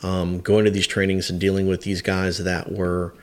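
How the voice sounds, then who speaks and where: A man's voice: low voice, completely flat delivery, moderate pace. A man in his fifties, a veteran firefighter, telling a long story in a podcast chat, rambling with hesitant restarts. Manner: rambling, hesitant, many restarts, acts out quotes. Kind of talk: conversational storytelling.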